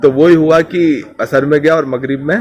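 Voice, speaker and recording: A man's voice: a little high, steady tone, highs cut off. A man telling a saint's legend in conversation, acting out the quoted dialogue as he goes. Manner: acts out quoted dialogue with shifts in loudness. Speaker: storyteller at a Sufi shrine.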